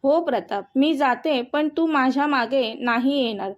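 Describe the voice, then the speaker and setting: A woman voicing a gentle, devoted young wife, speaking softly and earnestly in a storybook. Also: sits high, unhurried. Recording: dull, muffled audio.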